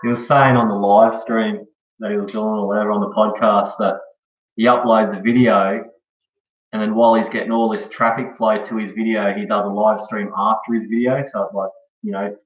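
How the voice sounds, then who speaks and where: A laid-back Australian man chats to his live stream in loose, slangy speech. His voice is on the low side and stays fairly flat in pitch. It comes through echoey, as if he is sitting back from the mic. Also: normal speed. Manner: laid-back slangy talk, often ending on "eh" and "bro". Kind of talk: casual live stream chat. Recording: dull echoey room, far from mic.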